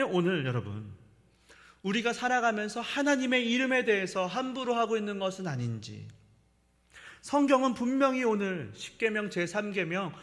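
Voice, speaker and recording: A middle-aged male pastor preaching a sermon, telling stories and acting out the lines he quotes. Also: high voice. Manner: animated storytelling, acts out quoted lines. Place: church sanctuary. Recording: long church reverb.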